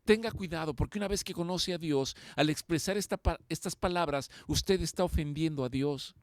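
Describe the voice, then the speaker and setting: A man's voice: fairly high pitch, moderate pace. A man preaching a sermon as pastor, impassioned and emphatic, repeating key phrases for weight.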